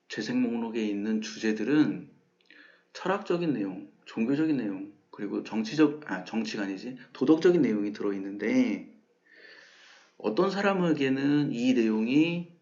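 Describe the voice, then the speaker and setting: Guy talking thru a math point casually, mid pitch, slightly muffled audio. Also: lively intonation, normal speed, darkish tone. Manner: conversational, acts out quoted questions. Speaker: math channel host. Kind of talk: casual explanatory lecture.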